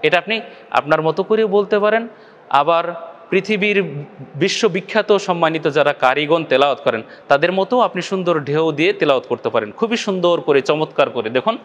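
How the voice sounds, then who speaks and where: High-voiced man teaching Quran recitation. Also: animated, fast, fairly bright tone, in a large hall, slight background noise. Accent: Bangladeshi Bengali. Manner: patient, repeats each point, often asks the viewer if they follow. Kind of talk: video lesson.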